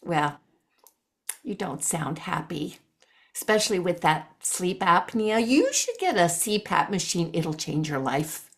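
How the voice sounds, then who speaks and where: A woman's voice: on the low side, big pitch swings, unhurried. A woman playing a chatty, meddling Tooth Fairy in an improvised comic scene, over a video call. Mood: nosy chatty. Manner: chatty, gossipy, nosy.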